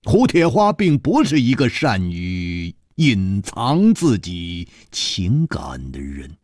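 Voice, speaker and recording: A man narrating a martial-arts novel as a radio storyteller, with a dramatic, highly varied delivery. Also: huge pitch swings, takes it slowly, darkish tone, dry recording, clean studio sound.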